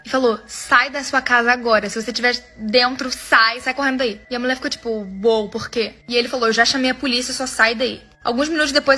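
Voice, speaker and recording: A woman telling scary stories in a casual, hushed and suspenseful way. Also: sits high. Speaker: storyteller.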